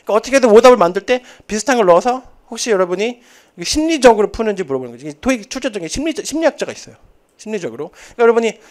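A man's voice: sits high, expressive, very fast. A man in his thirties teaching a TOEIC class in a classroom, joking and chatty with rambling asides. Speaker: TOEIC instructor. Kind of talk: lively classroom lecture. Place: lecture classroom.

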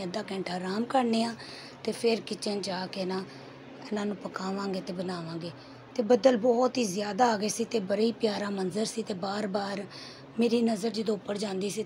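Home cooking vlogger: middle-aged woman, Punjabi accent, hoarse, easy chatty narration, mid pitch. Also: noisy background. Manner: chatty, homely, mixes Punjabi into Urdu. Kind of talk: casual vlog voice-over.

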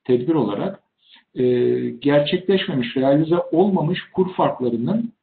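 An older man gives an explanatory webinar presentation over a video call, formal and deliberate, with hesitant pauses. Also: on the high side, expressive. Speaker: tax expert presenting at a webinar. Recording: thin, phone-like webinar audio.

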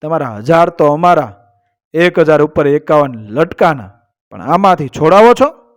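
A man's voice: on the high side, lively intonation, a little slow. A man voicing a crafty, scheming male trickster who bargains slyly.

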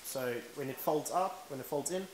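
A man's voice: a little high, normal speed, darkish tone. A young South African man talks casually through product features. His voice echoes in an empty-sounding warehouse, with noticeable noise around it. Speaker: shop staff giving a product tour. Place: large warehouse indoors, camera mic. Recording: echoey warehouse, noisy, clicks.

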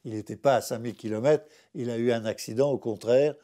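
A man's voice: medium pitch, fairly even intonation, quick pace, dark tone. A man, a writer, interviewed for a documentary, insistent and repeating his points for emphasis.

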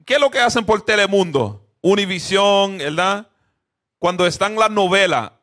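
Animated man leading a Bible class. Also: sits high, normal speed. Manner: keeps checking in with listeners; drops English fillers into Spanish. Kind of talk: interactive bible lesson.

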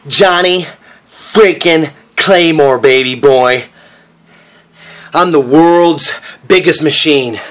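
A man's voice: on the high side, fairly bright tone. A young man delivering a cocky, blustering wrestling promo full of mock-tough boasting. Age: young adult. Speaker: amateur wrestler cutting a promo. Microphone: phone at arm's length.

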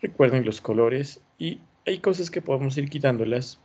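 A man's voice: medium pitch, animated, normal speed, dark tone, husky. A man teaching an online class, thinking aloud and encouraging as he reviews students' work. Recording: dull lo-fi sound.

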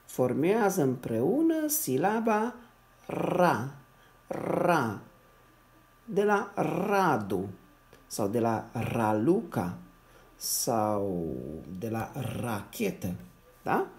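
A man teaching young children a reading lesson. He sounds out syllables slowly, repeats them, and keeps checking in with the class in a patient, encouraging way. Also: medium pitch, big pitch swings, darkish tone. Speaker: primary school teacher.

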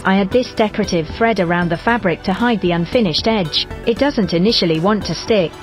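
A female-sounding text-to-speech robot voice walks through craft steps one by one, even and measured. The pitch sits in an ordinary middle range. Clear music plays behind it. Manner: even, measured synthetic delivery. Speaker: doll customizer narrating her craft. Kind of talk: step-by-step craft narration. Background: background music.

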